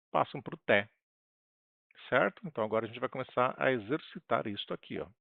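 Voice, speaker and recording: A man with a Brazilian Portuguese accent walks through a language lesson, stretching out each example phrase and tossing in quick asides. His pitch moves up and down a lot as he explains. The sound is dry and narrow, like a phone line. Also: dry recording. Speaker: language teacher. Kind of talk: screen-recorded language lesson.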